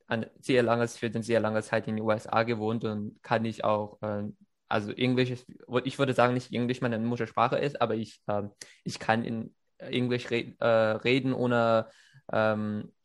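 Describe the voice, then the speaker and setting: A man whose native language is Chinese speaks German in casual conversation, with a mid-range voice, flat delivery, and moderate pace. He is hesitant, using many fillers and restarting often.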